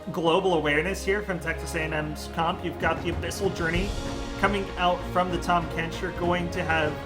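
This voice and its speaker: A young man solo casting an esports draft, chatty and jokey, thinking aloud on a headset mic. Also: high voice. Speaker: esports caster.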